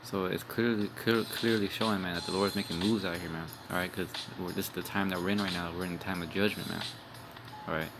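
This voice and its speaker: A young man's low voice moves fast with fairly even intonation as he gives a rambling street-style sermon on video. Profane and blunt, he tags lines with "man" and "all right" while music plays in the background.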